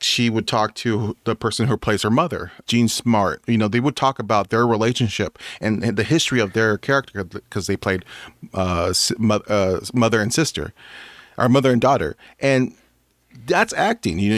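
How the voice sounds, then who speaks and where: Rambling, halting man in casual chat. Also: fairly low pitch, a bit bright, no room sound, studio quality. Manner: rambling, halting, many restarts. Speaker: podcast co-host reviewing movies.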